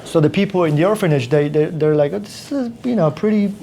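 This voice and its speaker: A man tells his story in a loose, rambling way, circling back and restarting his sentences. His tone is mellow and dark. A faint hum of room ambience sits underneath. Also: fairly high pitch, fast talker, creaky. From Poland. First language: Polish. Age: 30s. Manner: rambling with frequent restarts and fillers. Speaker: podcast guest. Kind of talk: casual interview storytelling.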